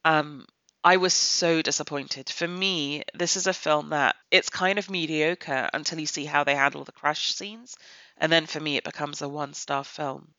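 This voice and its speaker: A woman's voice: deep voice, steady tone, moderate pace, bright, forceful tone, no room sound. A woman giving a blunt, opinionated film review on a podcast. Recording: slightly dull, dry podcast audio.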